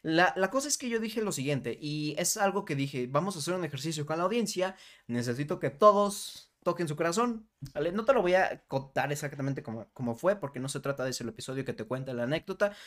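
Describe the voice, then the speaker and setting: A young man talks straight to his listener on a motivational podcast. His voice sits a little high, and he keeps checking in with tags like "¿vale?" and "¿no?". He leads gentle affirmation exercises in a casual, encouraging way. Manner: warm conversational, frequent "¿vale?" and "¿no?" tags. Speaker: podcast host.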